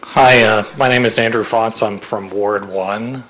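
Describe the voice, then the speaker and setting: A man's voice: fairly low pitch, fairly even intonation, measured pace, fairly bright tone, rough recording. A man speaking as a resident at a public meeting, hesitant and full of ums as he makes his point. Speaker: resident making a public comment.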